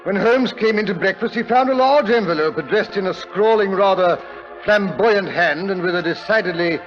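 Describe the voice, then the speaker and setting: An actor playing a genial, fussy older doctor with a British accent, telling tales in a theatrical 1940s radio style. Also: male voice, high-pitched, normal speed, soft background music, natural voice. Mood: reminiscing. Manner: avuncular, theatrical, hesitating storyteller. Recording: dull vintage 1940s radio recording.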